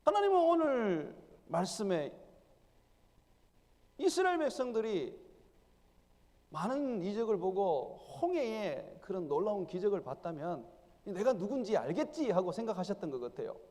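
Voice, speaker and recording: A male pastor delivers an emphatic sermon in a church sanctuary, his high voice leaping and dropping across a lively range. The hall carries a long reverb behind him. He slips into the voices of the people as he acts out their prayers. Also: moderate pace, pauses often.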